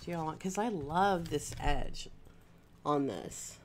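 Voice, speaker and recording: A woman with a low, gravelly voice chats casually as she crafts on a livestream. She rambles along unhurried and talks straight to her viewers, leaning on filler words. A faint hiss sits under her voice. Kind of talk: casual chat while crafting.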